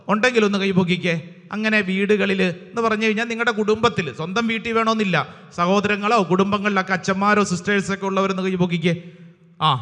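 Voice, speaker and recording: Priest preaching to a crowd, high tenor, call-and-response, big hall reverb. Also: male voice. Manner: call-and-response, urging the crowd to shout hallelujah; retells Bible passages and stories with dramatic repetition. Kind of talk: sermon. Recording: long reverb of a large hall.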